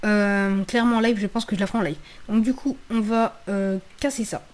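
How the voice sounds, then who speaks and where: A woman's voice: medium pitch, steady tone, a little fast. A woman giving casual, slangy let's play commentary, swearing freely and thinking aloud as she repeats her phrases. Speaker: gaming video creator.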